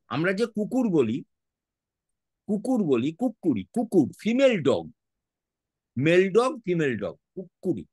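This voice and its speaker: A man with a Bengali accent teaches a class over a video call, spelling words letter by letter with patience. His pitch sits a little high and swings about a lot. The sound is dry and close. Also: darkish tone, no room sound. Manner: mixes English words into his speech. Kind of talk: online class lesson.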